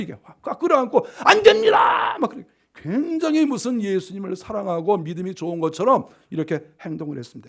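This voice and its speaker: A man pastor preaching a sermon in a fairly high voice. His pitch swings widely as he acts out scenes. He also scolds the congregation with animated emphasis.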